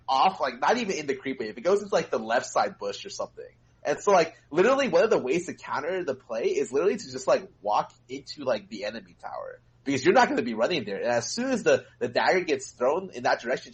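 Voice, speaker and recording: Animated male co-host explaining game tactics. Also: mid-range voice, poor audio. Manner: animated, explains game mechanics at length, many filler likes. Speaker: co-host and streamer. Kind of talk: casual gaming podcast chat.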